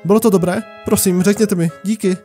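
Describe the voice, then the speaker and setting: A man voicing a clueless teenage girl writer in a squeaky, pleading falsetto, reading her author's notes aloud. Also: fairly even intonation, warm tone, faint music behind, lightly acted.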